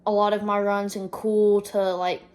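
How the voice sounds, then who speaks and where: A woman's voice: medium pitch, level tone, a little slow, a little mellow. A young adult woman chatting casually and informally as a fitness vlogger, rambling a little. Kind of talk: casual vlog chat.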